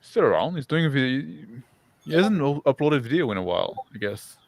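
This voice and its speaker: A man's voice: mid-range voice, very animated, fairly quick, gravelly, no room sound. Rambling man with a dry, close voice. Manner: rambling, many "like" fillers, chuckling. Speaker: live stream co-host. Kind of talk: casual chat on a live stream.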